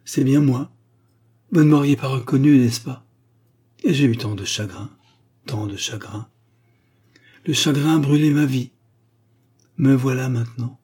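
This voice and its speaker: A man voicing a tender, sorrowful older woman in a storybook reading, speaking softly and wistfully. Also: medium pitch, measured pace, long pauses, slightly rough.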